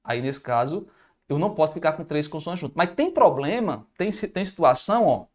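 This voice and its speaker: A man's voice: fairly high pitch, expressive, brisk, darkish tone. A Brazilian man teaching a live math review, thinking aloud and answering viewer comments in an informal way. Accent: Brazilian Portuguese.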